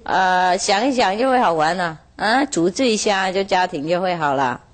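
A woman's voice: lowish voice, expressive, moderate pace. A woman telling a moral parable in a chatty way, laughing often and drawing out her filler words.

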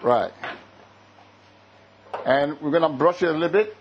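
Ghanaian guy chatting about cooking, halting, lots of ums, slightly higher voice, faint hiss behind. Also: highs cut off. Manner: hesitant, many fillers and restarts. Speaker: chef. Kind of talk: casual interview and cooking demo.

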